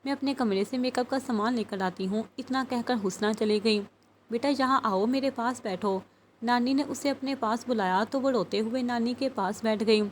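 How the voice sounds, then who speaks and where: Higher-voiced woman reading a novel aloud. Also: hardly any pauses, darkish tone, slight background noise. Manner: reads all characters in her own voice. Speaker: audiobook narrator. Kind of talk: scripted novel narration with voiced dialogue.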